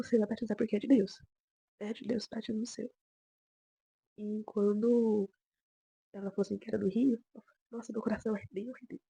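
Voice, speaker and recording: Brazilian woman, young adult, earnest testimony; mellow, slightly raised voice. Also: fairly high pitch, creaky, husky, no room sound. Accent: Brazilian Portuguese. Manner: emotional storytelling, voice rising and getting loud when moved. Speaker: churchgoer giving testimony. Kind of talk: personal faith testimony.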